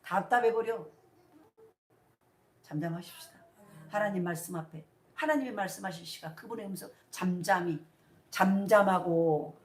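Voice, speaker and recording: Her voice is on the low side and moves at a normal speed, broken by long pauses. She's a middle-aged woman and senior pastor giving an animated sermon with call-and-response questions in a church sanctuary, recorded from afar in an echoey hall with a little hiss or hum.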